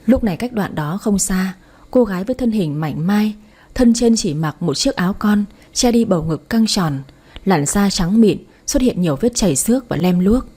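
A woman reading a romance story aloud in scripted narration, soft and emotive. Her voice is mellow and warm with a breathy, slightly husky texture. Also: mid-range voice, expressive, normal speed. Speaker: audiobook narrator.

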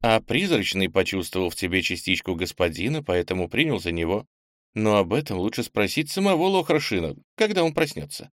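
A man voicing an excitable, anxious young sister with a raised, eager voice. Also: on the low side, a little fast, no echo, clean studio sound.

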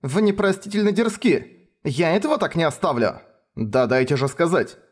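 A man reading a story, putting on a haughty young noblewoman, a count's daughter who is quick to anger. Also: expressive, lightly acted. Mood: furious. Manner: raised pitch, indignant and shrill when angry.

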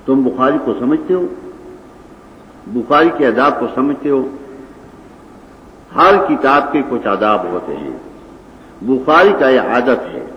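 A man's voice: mid-range voice, a little hiss or hum. An older man with a Pashtun-accented Urdu, teaching scripture in a didactic, argumentative lecture and reciting Arabic passages. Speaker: Quran and hadith teacher. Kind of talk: religious lecture. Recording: echoey hall, dull lo-fi old recording.

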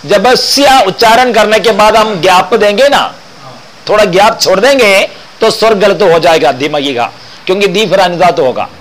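A man teaching Vedic mantra chanting, intoning each line slowly and then explaining the pitch marks. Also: lively intonation, a bit bright, rough recording.

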